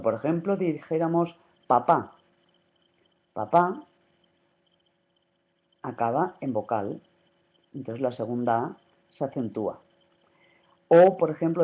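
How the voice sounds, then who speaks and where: A patient woman with an accent from Spain walks her students through a grammar lesson, pausing often to check that they follow. Her delivery is unhurried and deliberate. The recording sounds dull and lo-fi. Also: deep voice. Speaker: Spanish teacher.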